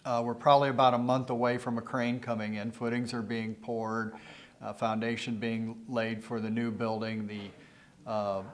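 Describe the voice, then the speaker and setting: A man giving a halting, unscripted interview answer as a project director. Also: medium pitch, little pitch movement. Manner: halting, hesitant.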